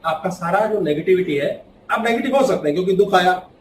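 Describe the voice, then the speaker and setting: A man giving a spiritual talk to a live audience, animated and acting out quoted voices with sudden swings between loud and hushed delivery. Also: high-pitched, brisk, recorded from a distance, noisy background. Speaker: spiritual speaker. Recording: echoey room, voice from off-mic.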